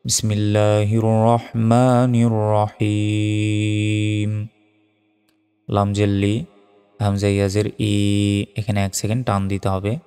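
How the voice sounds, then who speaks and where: Slow, low-voiced man teaching Quran recitation. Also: level tone, mellow, smooth. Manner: spells letters and vowel marks aloud, then chants the words slowly. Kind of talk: spelling-out recitation lesson. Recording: long hall reverb with faint music.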